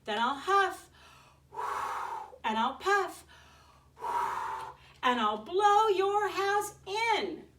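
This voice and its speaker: A sly, hungry big bad wolf from a storybook, put on by a woman reading aloud. The voice booms out its threats and drags the words out, then turns wheedling, pitched well above a plain speaking voice. It sounds a little distant from the mic, with faint noise behind. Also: very animated. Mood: threatening. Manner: booming, drawn-out threats and wheedling.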